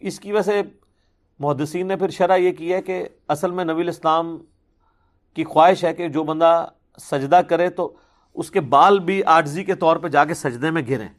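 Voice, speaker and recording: A man giving a religious question-and-answer talk, reasoning patiently and pressing hard on his key points. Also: a little high.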